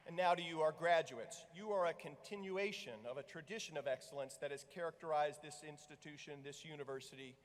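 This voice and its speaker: A man who is a university president gives a formal, deliberate commencement speech at a podium mic in a large hall. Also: fairly high pitch. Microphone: podium microphone. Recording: long reverb of a large hall.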